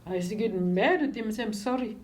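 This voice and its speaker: An older woman with a South African accent, speaking in a halting, reflective way as she recounts her life and work in an interview. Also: medium pitch, lively intonation, slight background noise.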